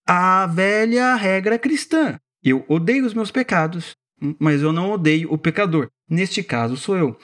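Lively high-voiced Brazilian man musing. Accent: Brazilian Portuguese. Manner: conversational, keeps asking the listener rhetorical questions. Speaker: podcast host.

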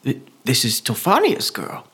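A woman's voice: very deep voice, huge pitch swings, unhurried, husky, full character voice. Woman voicing a flustered kindly priest. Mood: concerned. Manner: hesitant and concerned. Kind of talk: audio drama acting.

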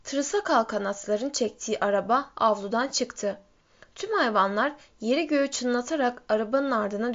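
A woman narrating a story in a steady reading voice. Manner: steady storytelling, lifts pitch for shouted quotes. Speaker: audiobook reader. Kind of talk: scripted narration. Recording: dull lo-fi recording.

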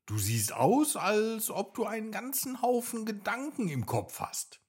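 A man's voice: high voice, huge pitch swings, slightly rough, pitched above the performer's own voice, heavily acted. A man doing a clever old fox. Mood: cheerful. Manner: warm-hearted, advising, unhurried. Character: clever, kindly old male fox, cheerful and wise.

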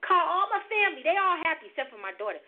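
A woman's voice: very high voice, big pitch swings, quick pace. A middle-aged woman giving an emotional personal faith testimony to her viewers, fervent and emphatic. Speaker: vlogger sharing a faith testimony. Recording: tinny phone-like sound.

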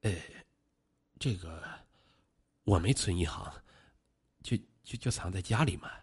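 A man's voice: sits low, lively intonation, a little slow, husky, voice pushed down, heavily acted. A man voicing a nervous middle-aged male suspect who mumbles and stammers. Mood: evasive.

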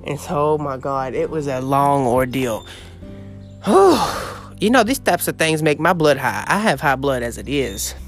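A man's voice: a little high, sing-song, a little slow, soft background music. A man, telling a story in a dramatic, exclamatory, gossipy way as a podcast host on his porch. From southeast Missouri. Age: late teens. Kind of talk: casual storytelling monologue. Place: outdoor porch.

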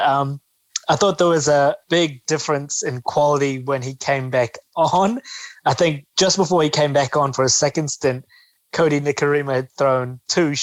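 A man's voice: on the high side, no echo. A man with a New Zealand accent giving casual sports analysis as a podcast panelist.

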